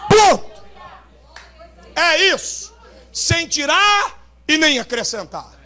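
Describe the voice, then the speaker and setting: A man with a Carioca accent preaching a revival sermon, shouting with great force and dropping now and then into quieter asides. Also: high-pitched, lively intonation, unhurried. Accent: Carioca Portuguese. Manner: shouts with great intensity, swinging between loud bursts and softer asides. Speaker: pastor. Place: outdoor rooftop church service.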